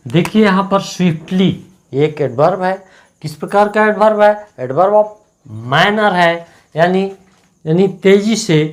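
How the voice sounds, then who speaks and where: Male teacher, Hindi accent, slow drilling delivery, repeats words for students. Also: high-pitched. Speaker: English teacher. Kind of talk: classroom grammar lesson.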